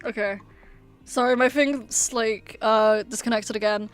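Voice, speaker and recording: A woman's voice: fairly high pitch, fairly even intonation, unhurried, clear, resonant tone. A woman streamer chatting casually, rambling and hesitant with lots of "um" and "like". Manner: rambling, hesitant, many fillers. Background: faint background music.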